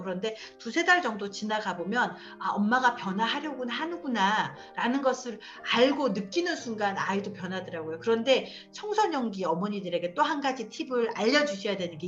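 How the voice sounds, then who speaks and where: Lively woman lecturing over a dull call. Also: medium pitch. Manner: animated, acts out parent and child voices. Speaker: parenting lecturer. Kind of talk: online parenting lecture. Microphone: video call. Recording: dull lo-fi video call audio with faint music.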